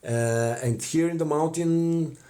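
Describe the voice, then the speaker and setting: A man in his thirties with a Bulgarian accent, chatting on a live stream from a cluttered home craft table. His voice is mellow and dark. He talks into a phone held close, thanks viewers warmly, and often pauses with "uh" while he paints. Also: a little high. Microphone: phone camera close in front.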